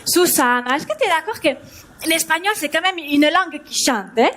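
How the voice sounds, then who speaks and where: A woman's voice: high-pitched, expressive, normal speed, a bit bright. A young woman comedian on stage, voicing a bubbly Spanish woman who teaches a language class in French with a Spanish accent, playful and teasing the audience. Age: young adult. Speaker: stand-up comedian. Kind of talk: stand-up character act. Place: theatre stage before a live audience.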